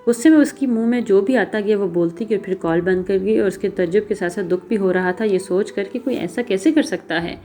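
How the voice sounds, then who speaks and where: A woman narrating an episodic novel in a steady storytelling manner. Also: medium pitch, hardly any pauses.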